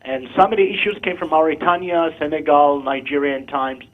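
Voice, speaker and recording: A Moroccan man in his fifties calls in to a talk show and lays out his view in earnest, insistent short phrases. His voice is on the high side, fairly even in intonation and a little fast. It comes through a tinny phone line.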